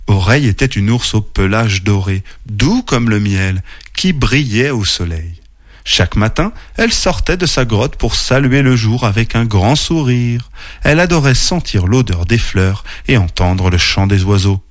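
A man telling educational stories to children in scripted narration, gently animated. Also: fairly low pitch, unhurried, dry recording, studio quality. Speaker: children's storyteller.

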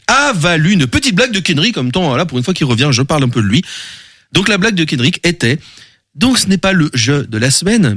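A male radio host chatting casually in a studio, his pitch swooping up and down as he rambles. He keeps correcting himself and filling gaps with hesitations. The sound is close and dry, with no room around it. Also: a bit bright, no echo. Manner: rambling, many fillers and self-corrections.

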